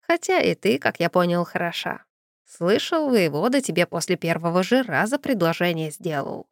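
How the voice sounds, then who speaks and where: A woman's voice: on the low side, expressive, moderate pace, dry recording, clean studio sound. A woman voicing a brash, leering young male werewolf in an audiobook, taunting and crude. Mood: mocking.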